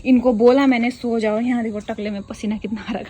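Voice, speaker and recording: A woman's voice: on the high side, fairly even intonation, fast talker, dark tone, slight background noise. A woman chatting playfully through her daily vlog, laughing often, filming on a phone on a rooftop at night. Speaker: vlogger. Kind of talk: casual daily vlog chat.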